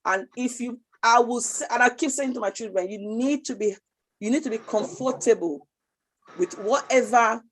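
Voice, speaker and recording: In a casual talk show, a Nigerian woman whose first language is a Nigerian language speaks with a Nigerian accent, passionate and emphatic and often repeating herself. Her voice is a little high, and the recording is low quality.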